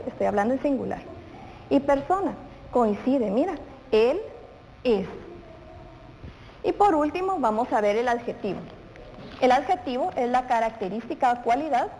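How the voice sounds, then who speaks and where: Teacher in a reverberant room. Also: female voice, a little high, mellow. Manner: asks questions and answers them, speaks directly to the pupil. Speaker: primary school teacher. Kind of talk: televised grammar lesson for children. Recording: reverberant room with faint noise.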